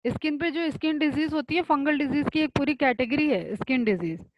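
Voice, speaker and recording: High-voiced woman teaching biology. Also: dull audio, a little hiss or hum. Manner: explains step by step, asks and answers own questions, reads definitions slowly. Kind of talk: online class lecture.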